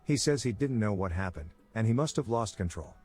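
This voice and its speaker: A man giving a scripted narration, with a steady, even storytelling delivery. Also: fairly low pitch, fairly quick, breathy edge, soft background music. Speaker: movie recap narrator.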